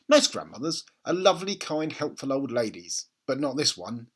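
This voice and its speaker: Animated man reading a children's story. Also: medium pitch, normal speed, slightly rough. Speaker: storybook reader. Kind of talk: expressive children's book narration.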